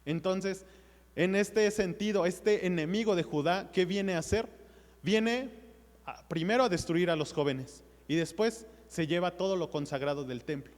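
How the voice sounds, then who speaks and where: A man's voice: sits high, normal speed. A man preaching a sermon in a church, earnestly speaking straight to the congregation as brothers. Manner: earnest, addresses listeners directly as brother. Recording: long hall reverb.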